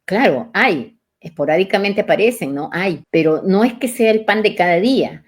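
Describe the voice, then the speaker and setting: A woman's voice: mid-range voice, lively intonation, normal speed. A woman hosting a live coaching talk, speaking reflectively and asking the listener questions. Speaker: neuro-coach host. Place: live online session.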